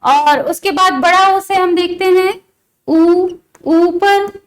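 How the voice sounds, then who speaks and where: A woman teaching a grammar lesson, explaining slowly and repeating examples, often checking whether the students understand. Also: extremely high pitch, a bit bright.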